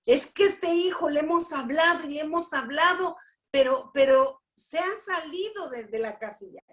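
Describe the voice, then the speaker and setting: A woman teaching a family workshop in a preaching style. She talks slowly and emphatically, checks in with the audience, and acts out quotes. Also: high voice. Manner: slow, emphatic, with repeated "¿sí?" checks and acted-out quotes. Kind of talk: preaching talk.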